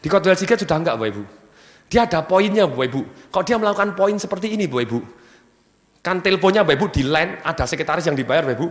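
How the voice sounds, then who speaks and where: A man's voice: fairly high pitch, rapid-fire. A man giving a motivational business seminar to a live audience, energetically firing questions for them to finish. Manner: energetic, keeps asking the audience fill-in questions. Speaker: seminar speaker. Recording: long hall reverb from a venue PA.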